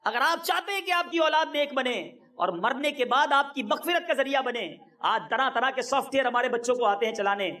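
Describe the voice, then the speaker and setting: A man's voice: very high-pitched, expressive, hardly any pauses, sharp tone. A man delivering an impassioned, emphatic sermon as a preacher, his voice rising sharply on key points.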